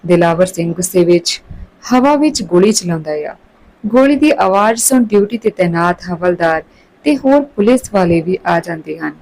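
A woman narrating a Punjabi-accented story, switching between calm telling and raised voices for quarreling characters. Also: on the low side, normal speed, poor audio.

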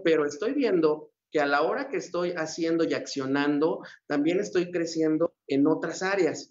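A man, a psychologist giving an earnest motivational talk that wanders through fillers and restarts. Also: a little high. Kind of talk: motivational talk on a radio-style show. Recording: echoey, dull lo-fi room sound.

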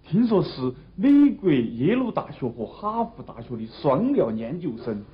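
An actor playing a pretentious, polite middle-aged job applicant in a TV comedy, with dialect. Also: male voice, on the high side, big pitch swings, a little slow. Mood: confiding. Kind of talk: comedy TV drama dialogue. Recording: muffled old TV sound, faint noise.

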